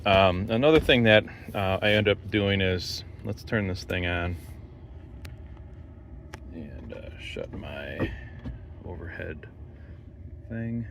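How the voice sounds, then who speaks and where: Speaking in a deep, creaky register, this ham radio vlogger gives an off-the-cuff video tour in and around a parked truck. He wanders, pauses, and thinks aloud while a constant hum of vehicle and outdoor sound runs underneath.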